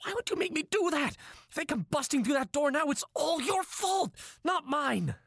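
A man voicing a desperate, volatile captor who pleads softly and then screams in rage, in an audio drama. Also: mid-range voice, a little fast, dry recording, studio quality, close to an everyday voice. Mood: furious. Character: desperate man holding a woman captive, volatile.

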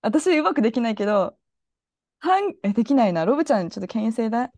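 A woman's voice: fairly high pitch, fast talker, no room sound. A woman co-hosting a travel podcast, chatting casually and telling stories with lots of giggles. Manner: giggly, animated storytelling. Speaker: podcast co-host. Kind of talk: casual chat.

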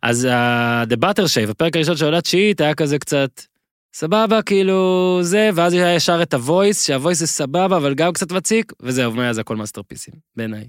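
Excitable rambling man on a podcast. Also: a little high, smooth, dry recording, studio quality. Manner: excitable and rambling, gushing repeats. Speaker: podcast co-host. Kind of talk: casual chat.

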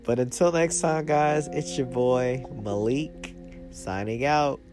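A man's voice: medium pitch, takes it slowly. A young man chatting casually as a solo podcast host, in loose, slangy bro talk. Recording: music playing behind the voice.

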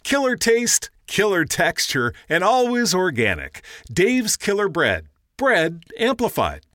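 A man reading a radio ad in the style of a supermarket announcement, with an upbeat, punchy sales pitch. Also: wildly swooping pitch, slow pace, fairly bright tone, dry recording. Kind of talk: mock supermarket announcement ad read.

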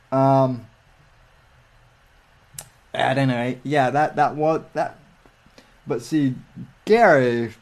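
A man chatting casually on a livestream, drifting through stories with halting restarts. He takes his time, speaking at a slow, unhurried pace in a middle-pitched voice. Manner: rambling, halting storytelling with many restarts. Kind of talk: casual chat.

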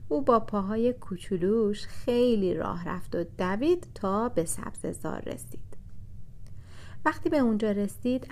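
A woman reads a children's story aloud in a soft voice that often slips into whispering. The narration is smooth and steady, at a middle pitch for a woman.

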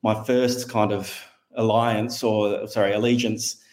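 A man's voice: fairly low pitch, little pitch movement, unhurried, a little mellow. A middle-aged Australian man chatting as a podcast guest, rambling and correcting himself as he thinks aloud. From Western Australia. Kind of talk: casual conversational interview.

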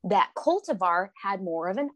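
A woman's voice: medium pitch, moderate pace, no echo. This is a woman from Oklahoma chatting as a podcast guest. She tells stories with energy and slips into voices for the people she quotes. The sound is dry and close to the mic. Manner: animated storyteller, acts out quotes. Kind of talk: casual podcast chat.

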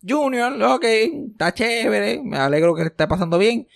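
High-voiced sarcastic man. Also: normal speed, gravelly, no echo, clean studio sound. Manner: sarcastic, animated storytelling with English words mixed in. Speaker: podcast co-host. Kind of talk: casual chat.

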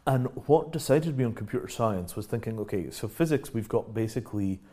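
A middle-aged man from Britain answers interview questions in a lowish, mellow voice. He talks reflectively. When he acts out the reactions he quotes, his pitch jumps up suddenly. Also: animated, a little fast. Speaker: guest. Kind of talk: casual conversational interview.

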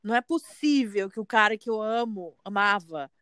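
A woman's voice: mid-range voice, lively intonation, normal speed, a bit bright, smooth, no echo, clean studio sound. A woman interviewing a guest, reacting with emphatic, sympathetic interjections. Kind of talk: conversational interview.

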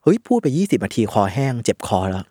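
A man in his thirties telling stories in casual chat, with a sharp voice pushed from the throat and an animated, swearing-among-friends manner. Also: medium pitch, quick pace, slightly rough, no echo, studio quality. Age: 30s. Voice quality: sharp throat-driven voice that tires easily. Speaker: podcast guest.

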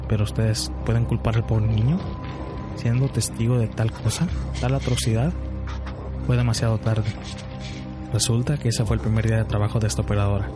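Low, flat-voiced male narrator. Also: brisk, long pauses. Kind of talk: scripted narration. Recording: music bed behind voice.

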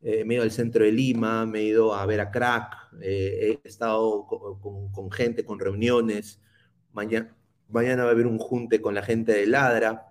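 A man's voice: lowish voice, level tone, normal speed. A man with a Peruvian Spanish accent hosting a casual livestream, talking in a sarcastic, rambling, teasing way. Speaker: podcast host.

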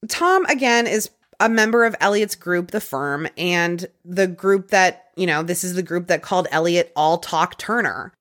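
A woman hosting a podcast, casually recounting a true-crime case with quick conversational asides. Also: lowish voice, fairly bright tone. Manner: conversational, quick asides, occasional put-on quotes. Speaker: podcast host telling a case.

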